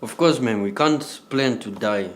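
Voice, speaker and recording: A man's voice: fairly low pitch, moderate pace, lightly acted. An actor playing an earnest male friend who reassures and advises a grieving man. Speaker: supportive friend.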